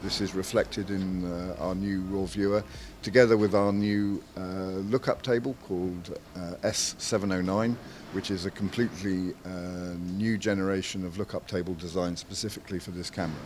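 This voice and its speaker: A man talking through the technical features of a product in an interview, measured and filled with frequent pauses. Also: low voice, steady tone, a little mellow, a little hiss or hum. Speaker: camera maker's representative.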